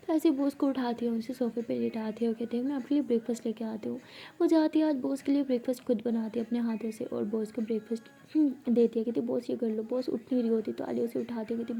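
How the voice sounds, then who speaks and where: A woman's voice: a little high, steady tone, fast, gravelly, warm tone, breathy edge. A young woman casually telling a love story aloud, voicing the characters' dialogue herself with small shifts.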